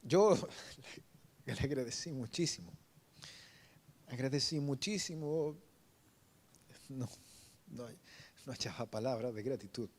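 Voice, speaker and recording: Emotional preacher telling a testimony. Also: male voice, mid-range voice, expressive, a little mellow. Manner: emotional, halting storytelling with many restarts. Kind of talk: sermon testimony.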